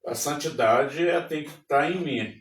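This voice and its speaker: A man's voice: on the high side, unhurried. A man co-hosting a casual religious podcast, talking reflectively and often checking in with his listener. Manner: reflective, frequent check-in tags. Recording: roomy, distant mic, faint noise.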